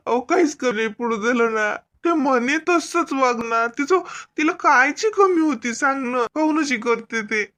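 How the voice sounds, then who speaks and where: A voice actor playing a heartbroken young husband in an animated comedy, whiny and tearful, with a Varhadi Marathi accent. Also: male voice, very high-pitched, measured pace, full character voice. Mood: upset.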